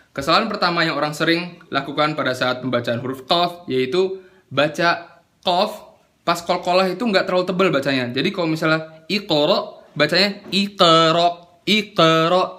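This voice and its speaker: A young man teaching Quran recitation in a casual lesson, demonstrating sounds slowly and explaining in quick chat. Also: fairly high pitch, sharp tone.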